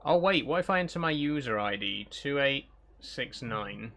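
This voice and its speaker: A man's voice: medium pitch, expressive, normal speed, vocal fry, fairly bright tone, a little hiss or hum. A man giving casual live horror game commentary, thinking aloud and puzzling things out with short questions to himself.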